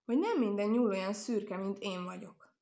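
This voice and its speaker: A woman's voice: medium pitch, animated, gravelly, warm tone. A woman reading aloud and voicing a sly, well-mannered male rabbit with a polite, playful manner.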